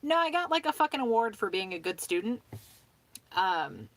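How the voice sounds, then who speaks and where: A young woman chatting casually on a live stream, rambling with lots of "um" and "like", laughing often and talking fast with some mumbling. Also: fairly high pitch, very animated, a bit bright, dry recording. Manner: talks fast and mumbles at times.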